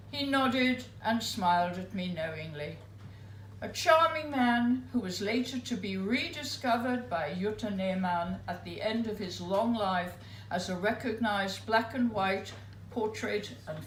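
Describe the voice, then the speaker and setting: A woman at a live spoken word night, reading her own memoir piece aloud in an unhurried, expressive storytelling manner. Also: medium pitch, a little hiss or hum. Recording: roomy live venue.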